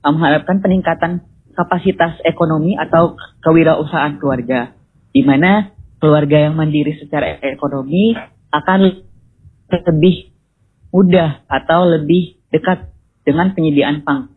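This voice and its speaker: A man's voice: on the high side, normal speed, long pauses, husky, phone-quality sound. A young man answering interview questions over an online call whose audio keeps breaking up; he talks hesitantly with many fillers and restarts. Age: young adult. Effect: choppy, cutting-out call audio. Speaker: interview guest, youth village program member. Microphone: video call.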